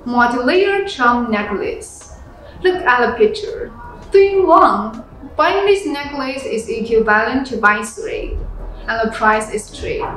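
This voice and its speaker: A young woman presenting products, reading a review script in plain, steady phrasing. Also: a little high. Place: small room indoors. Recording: very echoey room with background music.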